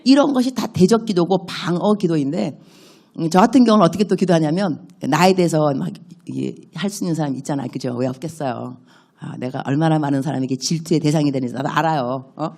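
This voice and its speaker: Animated woman preaching a revival sermon. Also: low-pitched. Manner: animated, acts out sample prayers and quotes in shifting voices; chatty and direct with the congregation. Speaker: missionary preacher. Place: church revival meeting.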